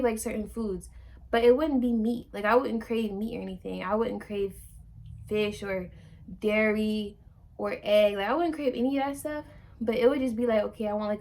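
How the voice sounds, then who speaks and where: Chatty young woman vlogging. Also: mid-range voice. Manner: chatty, rambling, many fillers and restarts. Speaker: vlogger, new mother. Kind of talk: casual chat to camera.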